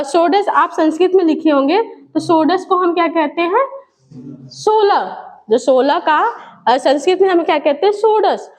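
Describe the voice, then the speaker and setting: A woman's voice: very high-pitched, a little mellow. A woman. She poses questions and answers them herself, drilling key words again and again. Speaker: Hindi grammar teacher. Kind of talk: classroom lesson.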